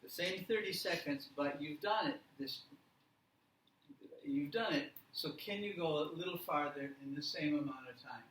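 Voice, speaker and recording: A male language teacher leads a live workshop in an indoor classroom or presentation room, giving deliberate, simple step-by-step directions with repetition and check questions. His voice is on the high side and a bit bright. The distant mic picks up room echo and faint noise.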